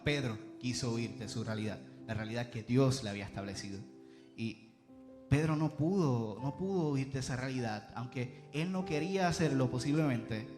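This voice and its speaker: A man preaching a sermon at a church service, swinging between loud emphasis and soft asides. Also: mid-range voice. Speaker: youth preacher.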